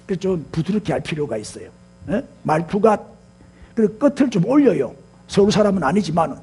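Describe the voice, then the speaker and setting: An older man, a pastor from Gyeongsang in South Korea, delivers a sermon fairly quickly in a high, warm, husky voice with big swings in pitch. His Gyeongsang Korean accent comes through as he converses with the congregation, uses rhetorical questions to prompt them, and leads them in repeating phrases.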